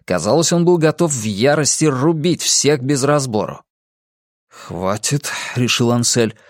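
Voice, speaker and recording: A man narrating a historical novel in an expressive, dramatic manner. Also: mid-range voice, moderate pace, no room sound, studio quality. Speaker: audiobook narrator.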